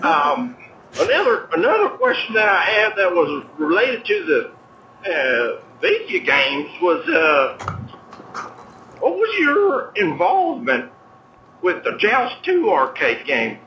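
Brief: man putting on a high, sing-song farmer caller, halting, heard on a tinny landline voicemail. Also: wildly swooping pitch, sharp tone, full character voice. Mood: folksy. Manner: halting, full of hesitant uhs. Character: folksy male farmer caller with critter troubles. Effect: heard over a landline phone voicemail. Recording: tinny echoey phone voicemail, faint hiss.

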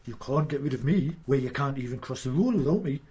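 A man's voice: mid-range voice, expressive, fast talker, dark tone, husky. A man playing a fussy, cautious inner health and safety officer who issues warnings. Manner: warning, insistent.

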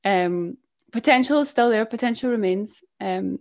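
A woman's voice: mid-range voice, normal speed, a little mellow, muffled recording. A Scottish woman in her early twenties co-hosting a podcast, chatting sarcastically and laughing often. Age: 20s. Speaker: podcast co-host. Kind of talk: casual chat.

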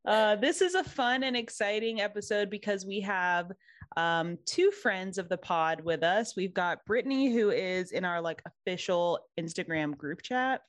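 A woman's voice: medium pitch, normal speed. Chatty woman podcast co-host. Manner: chatty, laughing, filler-heavy. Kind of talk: casual podcast chat.

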